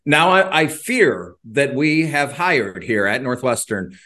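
Animated, opinionated podcast co-host man. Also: mid-range voice, slow pace. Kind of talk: casual sports podcast chat.

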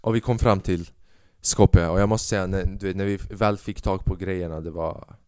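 A man hosting a podcast, telling a story in a casual monologue, animated and swearing, acting out the people he quotes. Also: low-pitched, smooth, no room sound, clean studio sound. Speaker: podcast host; stand-up comedian.

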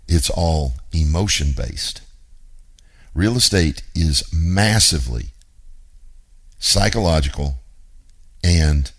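A man hosting a radio show, giving a blunt, emphatic teaching monologue on real estate investing and repeating his key points. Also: low voice.

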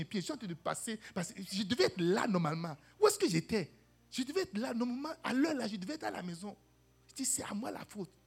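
Lively husky woman preacher. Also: on the low side. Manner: animated, calls for "Amen" and "Alléluia", acts out quoted voices. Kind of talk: sermon.

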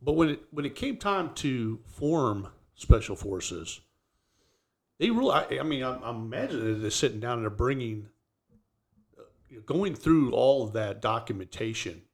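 A man co-hosting a podcast, a former soldier, talking casually in a searching, halting way with many restarts. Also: medium pitch, expressive. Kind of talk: casual chat.

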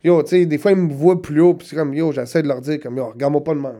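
A man's voice: fairly high pitch, steady tone, fast talker, warm tone. A man, a rapper chatting casually in an interview, slangy and full of "yo" and English words. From Canada. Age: 20s. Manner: slangy, peppers speech with "yo" and English. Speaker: rapper guest.

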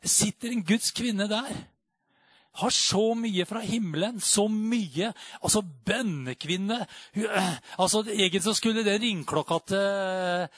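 A man preaching a charismatic sermon, fervent and full of amens and hallelujahs, rising to loud exclamations and dropping to quiet reflection. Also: sits high, husky, no room sound, clean studio sound. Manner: peppers speech with amen and hallelujah.

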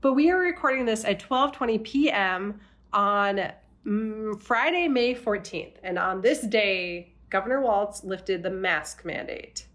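A woman's voice: mid-range voice, expressive, measured pace, a bit bright. A woman hosting a podcast, chatting casually and informally to her listeners. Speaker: podcast host. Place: quiet, slightly echoey rental townhome room.

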